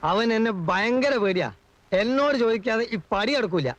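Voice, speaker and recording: A fussy middle-aged hanger-on from an old film comedy, talking. He is excitable, gossipy and full of his own importance. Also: high voice, moderate pace, no echo, highs cut off. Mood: boastful.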